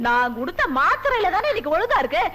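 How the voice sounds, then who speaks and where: A bossy fiery wife. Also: female voice, very high-pitched, very animated, quick pace, very noisy. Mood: lecturing. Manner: lecturing, domineering.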